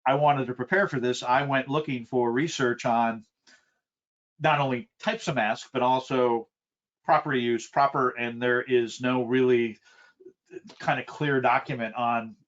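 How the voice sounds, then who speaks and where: A man's voice: mid-range voice, steady tone, measured pace, fairly bright tone, muffled recording. A man who has run a coffee roasting business, answering casually and repeating words as he thinks.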